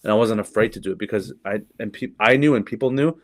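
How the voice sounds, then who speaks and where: A young man with a low voice talks about his craft on a podcast. He speaks loosely, swears, and trips over his own sentences. The sound is dry and close. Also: fast talker, dry recording. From Canada. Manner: loose, profane, lots of fillers and restarts. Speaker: comedian guest. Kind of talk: casual podcast chat.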